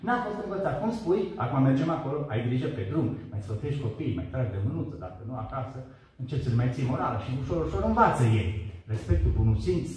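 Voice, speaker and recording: A man's voice: medium pitch, expressive, darkish tone. A middle-aged man giving an emotional testimony sermon in a church hall, acting out his own dialogues with God as his voice swells and drops. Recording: echoey hall from far off.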